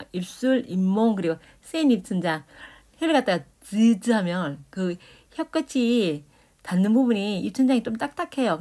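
A woman's voice: mid-range voice, a little mellow. A woman teaching Korean grammar, explaining speech sounds, demonstrating consonants aloud and checking in with her students. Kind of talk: lecture explaining phonetics.

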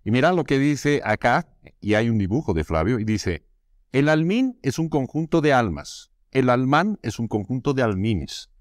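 A relaxed man co-hosts a casual show and reads passages aloud to his viewers. His voice sits in a middling range and is recorded close and dry, with no room sound. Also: mid-range voice, moderate pace, dry recording. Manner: relaxed, playful, addresses viewers directly. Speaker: co-host. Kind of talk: casual chat, reading from a book.

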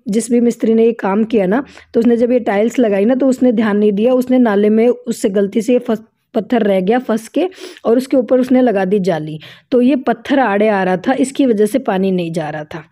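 A woman's voice: mid-range voice, warm tone. A middle-aged woman from India, narrating a casual home vlog in a chatty storytelling way and repeating phrases for emphasis. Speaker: vlogger.

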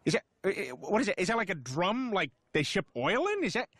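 An actor playing a loud, goofy middle-aged cartoon family dad who blusters and stammers. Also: male voice, high-pitched, very animated, fairly quick, dry recording, clean studio sound, exaggerated voice. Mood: exasperated. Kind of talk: animated sitcom dialogue.

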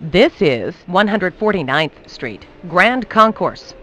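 A woman gives a scripted, measured subway train announcement, heard muffled. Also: sing-song, bright, forceful tone. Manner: measured, formulaic delivery. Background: faint rumble of a subway car.

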